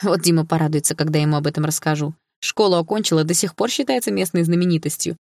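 A woman narrating an audiobook in the first person, calm and steady. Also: deep voice, quick pace, vocal fry, dry recording, studio quality.

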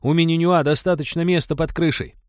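A man voicing a frightened young man who shouts and begs for protection, in an audiobook. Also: fairly high pitch, steady tone, fairly quick, no room sound, studio quality, voice pushed up, close to an everyday voice. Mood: desperate. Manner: shouting, desperate.

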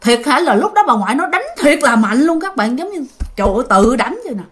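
A woman tells a ghost story, chatting straight to her listeners. Her voice sits high and rises and falls in lively swings, full of expression. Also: fast. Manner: animated, addresses listeners directly. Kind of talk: casual spoken ghost story to an audience.

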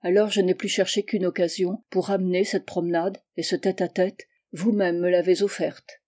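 A passionate young man, voiced by a woman narrator presses his feelings with forceful insistence. The tone stays mellow and warm. It is an audiobook reading of a novel. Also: fairly low pitch, flat delivery, normal speed, natural voice. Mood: insistent.

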